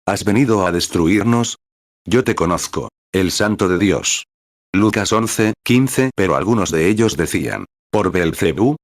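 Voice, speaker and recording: A man reading a sermon aloud in a measured, steady way, citing scripture chapter and verse as he goes. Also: low voice, dry recording, clean studio sound. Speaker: sermon reader.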